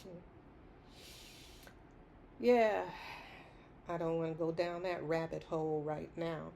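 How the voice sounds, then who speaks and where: A woman's voice: low-pitched, steady tone, takes it slowly, vocal fry, dark tone, a little hiss or hum. A middle-aged woman talking in an unscripted personal monologue, rambling, repeating her points and laughing often between phrases. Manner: emphatic repetition. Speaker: vlogger.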